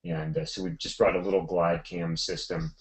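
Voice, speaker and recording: A middle-aged man telling stories from his work as a photographer in a casual webinar chat, animated and full of fillers and restarts. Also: sits low, normal speed, vocal fry, low-quality recording. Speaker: photographer guest.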